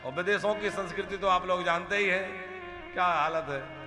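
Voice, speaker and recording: Male storyteller-preacher with a high voice. Devotional sermon with chanted verses, over a clear violin accompaniment. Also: moderate pace, over music. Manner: chants Sanskrit verses, acts out dialogue. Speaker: kathavachak preacher.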